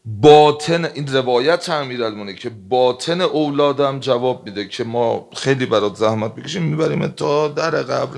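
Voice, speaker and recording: A man preaching a sermon, telling stories and reciting religious texts in Arabic, moving between loud emphatic passages and hushed ones. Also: mid-range voice. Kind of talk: emotional sermon with storytelling.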